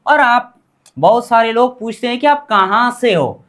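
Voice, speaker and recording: A woman teaching a grammar lesson, repeating each word slowly and quizzing the learners as she goes. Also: a little high, lively intonation, a bit bright. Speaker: language teacher.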